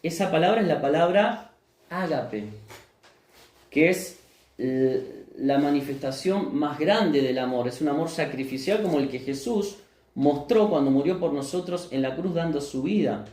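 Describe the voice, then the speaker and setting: A man's voice: on the high side, measured pace, a little mellow, reverberant. A man with a Rioplatense Spanish accent preaching a sermon as pastor, often putting questions to the congregation and answering them himself. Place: church hall.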